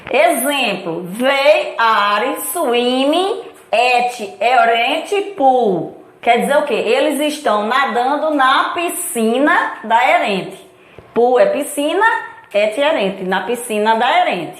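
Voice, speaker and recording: A woman's voice: high voice, roomy sound. A woman English teacher, patiently explaining grammar rules and repeating them step by step. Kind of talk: slow explanatory classroom lesson.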